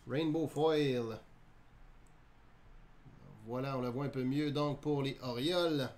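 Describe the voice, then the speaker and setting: A man's voice: mid-range voice, slow, a little mellow. A man with a Quebec French accent hosting a live card break, calling out each card in a chatty way, laughing and joking with viewers. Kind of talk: live card-opening commentary.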